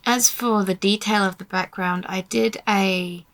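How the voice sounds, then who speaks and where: A woman's voice: medium pitch, steady tone, unhurried, fairly bright tone. A young woman giving a casual voiceover about her painting, tired and yawning, grumbling at herself in a self-deprecating way. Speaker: artist narrating her painting.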